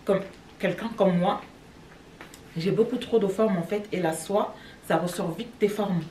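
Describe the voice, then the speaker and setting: A woman's voice: medium pitch, a little slow, dark tone, slight background noise. A young woman from Cameroon with a French accent, chatting casually to her vlog audience, rambling with lots of fillers. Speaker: vlogger.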